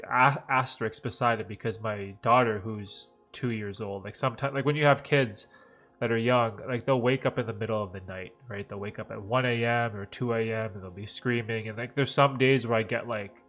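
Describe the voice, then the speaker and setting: With soft music in the background, a stuffed-up man chats on a livestream, answering viewer questions in a mid-range voice at a moderate pace. Dust allergies leave him slightly nasal, and his relaxed, rambling talk leans heavily on "like" and "right?".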